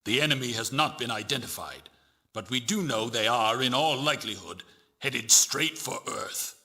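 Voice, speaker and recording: A solemn fleet admiral with a rough, husky voice and a sharp, forceful edge. He delivers military briefings formally and deliberately, in the dramatic style of a sci-fi game. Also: medium pitch, expressive, exaggerated voice. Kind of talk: dramatic video game voice acting.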